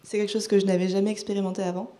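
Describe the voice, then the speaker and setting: A woman interpreting informally phrase by phrase, somewhat halting as she searches for words. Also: medium pitch, level tone, warm tone.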